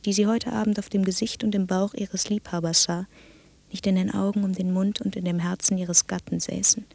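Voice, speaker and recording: A storyteller reading a dark fairy tale, creaky, flat, dry close sound. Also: female voice, mid-range voice, no room sound. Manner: hushed, often sliding into whisper. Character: storyteller woman reciting a grim fairy tale. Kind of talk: scripted narration.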